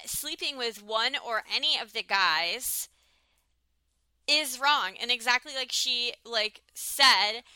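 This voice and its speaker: A young woman with a bright, crisp voice talks through a reality show in casual podcast chat. She gets fired up and acts out what people said. The sound is dry and close. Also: on the high side, takes it slowly, dry recording. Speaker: podcast co-host.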